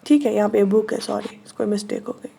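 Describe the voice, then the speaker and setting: A woman teacher with a Kashmiri accent giving an exam-prep lesson in translation and grammar. She reads example sentences slowly, repeats them for drilling and often checks whether the students follow. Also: medium pitch, wildly swooping pitch, gravelly, dark tone, breathy edge. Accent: Kashmiri-accented Hindi-Urdu. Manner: checks understanding with short questions.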